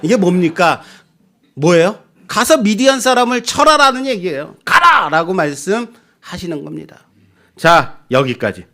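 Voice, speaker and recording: A middle-aged male pastor preaching a sermon in a church, lively and humorous, acting out quotes as he goes. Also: sits high, measured pace. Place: church sanctuary.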